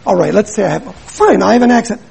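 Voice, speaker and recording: An older man from Milwaukee, USA preaches a sermon earnestly and emphatically, repeating his points and telling stories. His voice sits high and he talks fast, gravelly and darkish with a breathy edge.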